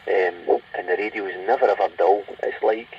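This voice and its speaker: A man's voice: low voice, steady tone, moderate pace. A Scottish man chatting casually over CB radio in an enthusiastic, rambling manner. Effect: CB radio transmission. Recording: muffled, noisy, distant CB radio audio.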